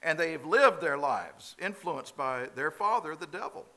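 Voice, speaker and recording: A man preaching a sermon, growing emphatic and loud on key phrases and slowing down to read scripture. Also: a little high, expressive. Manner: slows down for quoted scripture.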